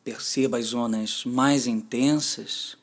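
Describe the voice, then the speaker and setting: In a steady tone at medium pitch, a Brazilian Portuguese-accented man walks listeners through a mindfulness meditation. He offers gentle, unhurried instructions and lets long pauses fall between them.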